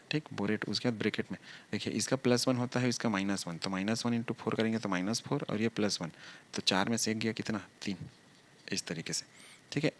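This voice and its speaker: Low-voiced man teaching step by step. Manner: explains step by step, quizzing with rhetorical questions. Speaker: chemistry teacher. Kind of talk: classroom lecture.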